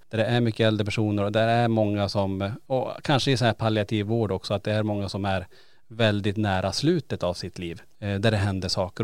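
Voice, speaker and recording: A man with a fairly low voice hosts a podcast, telling stories in a loose, animated way. He often pauses on fillers as he goes. His delivery stays casual. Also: dry recording. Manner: animated storyteller, many fillers. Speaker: podcast host. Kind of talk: casual storytelling chat.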